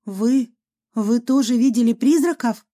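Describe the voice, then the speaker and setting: A woman's voice: on the high side, measured pace, mellow. Woman voicing an anxious young heroine. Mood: timid. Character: anxious young woman who sees ghosts. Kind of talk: audiobook reading.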